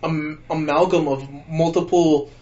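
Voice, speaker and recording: A man's voice: a little high, steady tone, unhurried, a little mellow. A man co-hosting a casual podcast, rambling with many restarts and frequent laughter. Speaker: podcast co-host. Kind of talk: casual chat. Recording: dull lo-fi sound.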